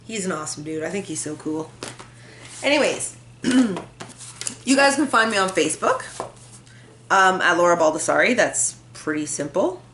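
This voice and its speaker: A woman's voice: on the low side, expressive, normal speed, long pauses, a bit bright, a little hiss or hum. A woman chatting casually to her camera at home, rambling, self-deprecating and laughing often. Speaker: vlogger. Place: room at home. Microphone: built-in camera mic. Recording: echoey room.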